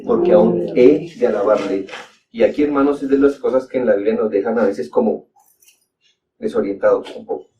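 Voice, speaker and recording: A man's voice: medium pitch, normal speed, dark tone. A man preaching a sermon as a pastor, speaking earnestly with repeated exhortations and emphatic rises. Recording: dull distant mic with faint background noise.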